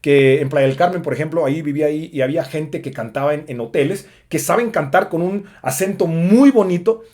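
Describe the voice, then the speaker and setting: A man's voice: fairly high pitch, fairly quick, hardly any pauses, darkish tone. A man giving a casual spoken English lesson, chatty with lots of fillers. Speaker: English teacher.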